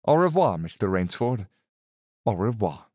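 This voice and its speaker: General Zaroff, a suave, swooping aristocratic hunter. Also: male voice, fairly low pitch, sing-song, a little slow, darkish tone, no echo, studio quality. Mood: smugly polite. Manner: courtly, suave, condescending. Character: urbane, cold aristocratic Cossack general and hunter. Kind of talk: audio drama acting.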